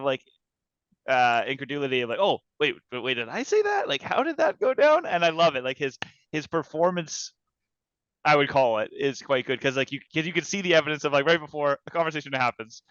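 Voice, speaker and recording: A man, a former contestant, answering thoughtfully in a casual interview and pausing to rephrase. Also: mid-range voice, fairly bright tone, clear, resonant tone, dry recording, dull audio. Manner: thoughtful, hesitant, stops to rephrase.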